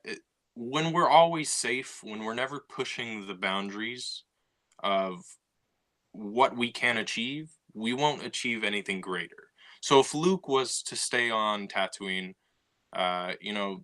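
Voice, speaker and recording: A man's fairly low, sharp-toned voice comes through as he co-hosts a podcast. He thinks aloud in casual conversation, stumbling into fillers and restarting often.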